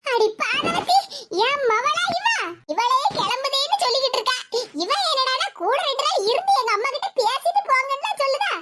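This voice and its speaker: A woman voicing a scolding, easily flustered middle-aged mother in a cartoon, speaking with a Kanyakumari Tamil accent in a high, exclaiming voice. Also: lively intonation, normal speed, sharp tone, slight background noise, exaggerated voice. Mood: sheepish. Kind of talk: cartoon voice acting.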